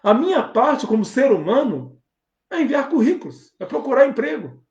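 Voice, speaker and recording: Fervent Brazilian pastor, echoey lo-fi sound. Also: male voice, extremely high pitch, big pitch swings, normal speed, a little mellow. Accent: Brazilian Portuguese. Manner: fervent, emphatic, rhetorical questions. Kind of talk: sermon. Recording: roomy, dull lo-fi sound.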